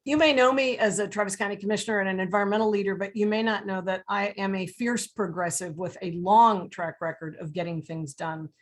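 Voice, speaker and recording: A woman candidate, hoarse and gravelly from allergies, giving a firm campaign pitch on a video call. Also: steady tone, fairly quick, hardly any pauses.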